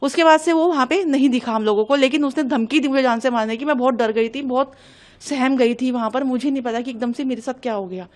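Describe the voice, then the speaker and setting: A young woman giving an urgent, agitated account of an incident to a news reporter. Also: sits high. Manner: urgent, agitated, hurried retelling. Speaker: interviewee recounting an incident. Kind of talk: emotional news testimony.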